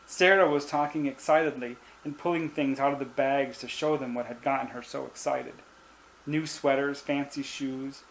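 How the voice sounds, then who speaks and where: A man's voice: medium pitch, slight background noise, rough recording. Man reading his own short story.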